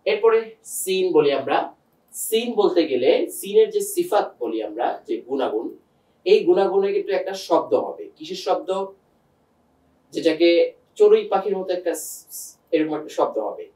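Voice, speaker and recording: A man gives a pronunciation lesson, stretching each sound and saying it again and again. His voice sits a bit high for a man. He is recorded from some distance in a room with a noticeable echo. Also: lively intonation, moderate pace, warm tone. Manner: patient, repeats and drags out sounds to demonstrate. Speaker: teacher. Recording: echoey room, voice set back from the mic.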